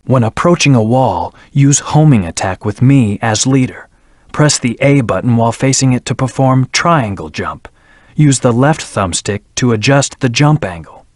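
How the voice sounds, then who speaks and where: A man voicing a brooding, arrogant hedgehog antihero in a video game, with a haughty, clipped, deliberate delivery. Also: medium pitch, lively intonation, dry recording, studio quality, natural voice. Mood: cool, instructional.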